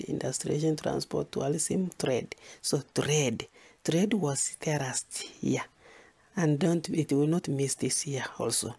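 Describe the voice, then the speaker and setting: In a high-leaning, gravelly voice that is dark and a little rough, a Kenyan man teaches an exam revision session. He emphatically lists topics and keeps repeating the main points to drive them home.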